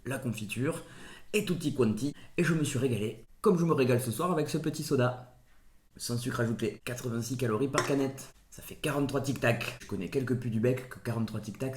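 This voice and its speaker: Man giving playful tasting commentary, roomy. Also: mid-range voice. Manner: playful, punning, mock-solemn. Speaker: food reviewer. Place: home, at the table. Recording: roomy echo.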